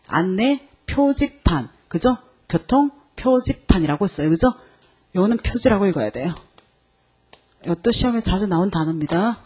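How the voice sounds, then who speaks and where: A woman's voice: medium pitch, breathy edge. A woman teaching an exam-prep lecture on Chinese characters, quizzing her students and checking in with them again and again. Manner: lively, quizzing students with constant check-ins.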